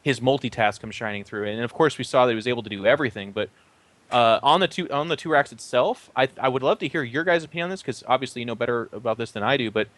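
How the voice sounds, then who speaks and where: A man's voice: mid-range voice, very fast. Man hosting a casual esports chat. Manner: animated, asks the panel questions. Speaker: show host.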